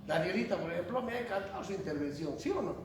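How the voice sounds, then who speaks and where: A man giving an animated university lecture, joking and asking the class questions. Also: sits high, quick pace. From Bolivia. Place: large echoey classroom. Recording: echoey classroom from far off, noisy.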